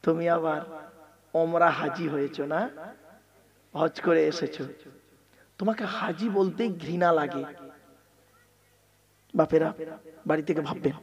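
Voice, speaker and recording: A man's voice: on the high side, unhurried, pauses often, lo-fi sound. A man preaching a sermon to a live gathering, teasing and quizzing the crowd as he drills them on pronunciation. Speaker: Islamic preacher. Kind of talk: Bengali waz sermon to a crowd.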